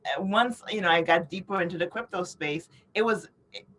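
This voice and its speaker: On a rough recording, her voice comes across lowish, a little fast and fairly bright. The middle-aged interviewee, an author and advocate born in Haiti and raised in New York City, answers earnestly and explanatorily, frequently asking "you know" and "right?".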